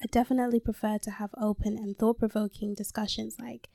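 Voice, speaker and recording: A slightly high, creaky and warm female voice talks fairly quickly with flat delivery. She's a nineteen-year-old podcast host from London, her accent tinged with American, chatting frankly and swearing freely in a casual solo monologue. She records in a small closet on a handheld mic, and the audio is dry with clean studio sound.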